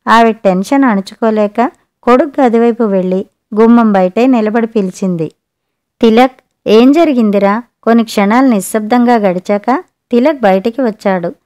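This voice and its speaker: A woman's voice: a little high, moderate pace, darkish tone. Woman reading a storybook aloud. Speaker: audiobook narrator. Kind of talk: storybook narration.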